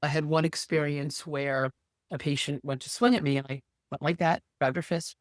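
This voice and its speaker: A woman's voice: sits low, fairly even intonation, moderate pace, no room sound. Older woman, emphatic storyteller, dry sound. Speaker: podcast guest, social worker and therapist. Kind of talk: casual interview conversation.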